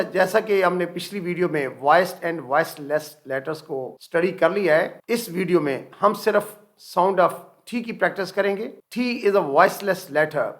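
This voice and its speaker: A man's voice: a little high, fairly bright tone. A man teaching English pronunciation, drawing out his words and saying each example word twice. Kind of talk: slow, deliberate teaching.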